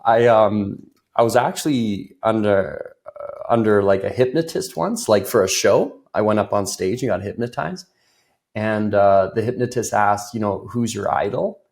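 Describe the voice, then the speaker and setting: Speaking at a normal pace, this Irish business consultant has a low, creaky, slightly mellow voice still a little off from a cold. He's a chatty interview guest, loose in manner, leaning on fillers and quick to laugh.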